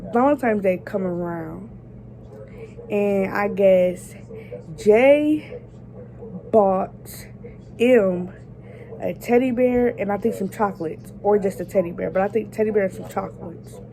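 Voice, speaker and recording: A woman vlogger, raspy from just waking up, chatting directly to her viewers as she tells a casual story. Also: mid-range voice, unhurried, long pauses, dark tone, rough recording.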